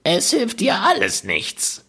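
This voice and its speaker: A man voicing a cruel, greedy old female witch in a storybook reading, with a shrill, harsh voice. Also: huge pitch swings, slow, bright, forceful tone, breathy edge, exaggerated voice.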